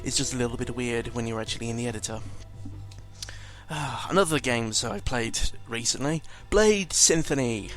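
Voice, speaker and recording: Faint music plays behind a man with a mid-range, slightly bright voice who speaks at normal speed. He narrates gameplay for a video in a loose, informal way, swearing, wandering off topic and frequently correcting himself.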